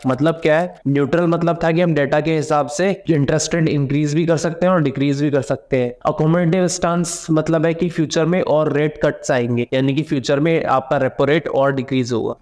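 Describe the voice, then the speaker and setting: A man's voice: fairly high pitch, a little mellow. A man giving an exam-prep explainer lesson on economics, going step by step, asking and answering his own questions, and mixing in English terms. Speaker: economics educator.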